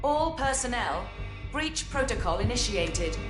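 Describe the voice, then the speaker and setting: A woman voicing a female facility computer that announces alarms about an overheating core over a loudspeaker, in a flat, automated delivery. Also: on the high side, unhurried, heavy reverb, loud music behind the voice. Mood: alarmed.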